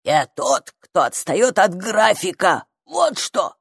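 A woman's voice: lowish voice, sing-song, creaky, slightly rough, no echo, clean studio sound, exaggerated voice. A woman voicing a grumpy, squat male troll-like creature who grumbles and drags out his words in a storybook reading. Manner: grumbling, slow and drawn-out.

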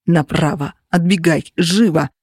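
A man's voice: a little high, normal speed, vocal fry, a little mellow, husky, no echo, studio quality. A woman reading aloud, voicing an exasperated, bossy male mage navigator who whispers curt commands with weary sarcasm.

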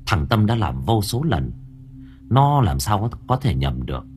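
An audiobook narrator tells a horror story dramatically, with lively pitch. He speaks at a measured pace, and faint music plays behind him.

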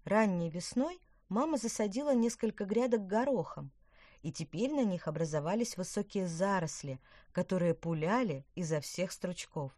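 A woman narrating a children's storybook aloud in an animated, expressive way. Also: mid-range voice, moderate pace, no echo, studio quality. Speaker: audiobook narrator.

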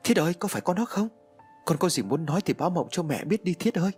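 A man's voice: mid-range voice, very animated, brisk, slightly rough, faint music behind. Man voicing a grieving village mother. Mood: wailing. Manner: wailing, pleading. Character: grieving village mother, wailing for her dead son.

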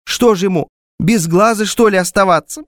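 A man's voice: high voice, moderate pace, a bit bright, dry recording, voice pushed up. A stubborn village peasant woman from an old storybook tale speaks in a raised, folksy voice, as a male reader puts her on. She talks plainly and insistently, and the recording is close and dry. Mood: pleading. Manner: pleading, then mocking, raised folksy voice.

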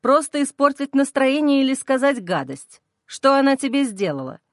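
A woman's voice: medium pitch, lively intonation, moderate pace, dry recording, clean studio sound, pitched below the performer's own voice, close to an everyday voice. A woman voicing a stern, commanding man in an audiobook, speaking in a harsh, metallic tone. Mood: cold. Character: stern commanding man, protective older brother.

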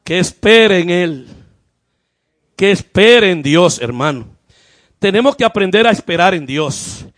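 A man with a Caribbean Spanish accent preaches in a strikingly high voice, drawing his words out slowly. He calls out and shouts with fervor, repeating phrases to his congregation. His delivery is that of a pastor in full sermon. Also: animated, dry recording, studio quality.

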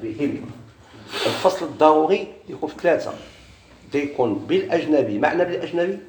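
Fast-talking Moroccan grammar teacher. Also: male voice, on the high side, lively intonation, echoey room, noisy background. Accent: Moroccan Arabic. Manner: poses questions and answers them himself. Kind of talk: classroom grammar lesson.

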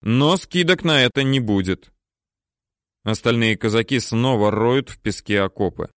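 Guy reading a war story, steady and terse, bone-dry recording. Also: medium pitch, a little slow, dry recording. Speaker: narrator. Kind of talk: audiobook narration of a war story.

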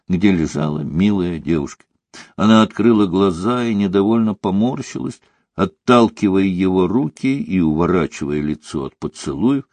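A man reading a story aloud as an audiobook narrator in an expressive, storytelling manner. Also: deep voice, dry recording. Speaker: audiobook reader.

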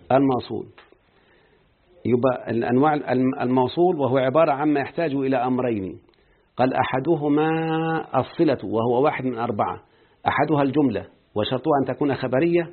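A man's voice: mid-range voice, breathy edge. A man with an Egyptian accent teaching Arabic grammar, explaining a text and quizzing his students as he goes. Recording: tinny phone-like lo-fi audio.

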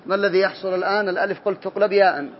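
A man with a high-pitched voice races through a grammar lesson as a teacher of Arabic morphology, keeping his intonation fairly even. He calls on students by name, drills them, and corrects their responses, all captured in a dull lo-fi classroom recording.

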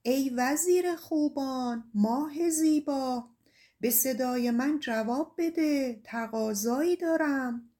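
A woman's voice: fairly high pitch, mellow, lightly acted. A woman reading an audiobook voices a grieving young male shepherd, who calls out and pleads earnestly. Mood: calling out. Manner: pleading, calling out, raised and earnest.

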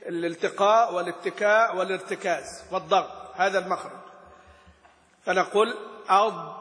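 Bright-voiced male teacher in an echoey hall. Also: sits high. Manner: demonstrates letter sounds aloud and chants quoted verses; poses questions to students and answers them himself. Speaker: Quran recitation teacher. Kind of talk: explaining a classical recitation poem in a lesson. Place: Gulf region. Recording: echoey room with long reverb.

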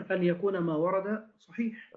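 A man commenting in a scholarly lesson, explaining points of language with measured questions. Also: high voice, fairly even intonation, a little mellow. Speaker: teacher commenting on the reading. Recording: dull lo-fi recording.

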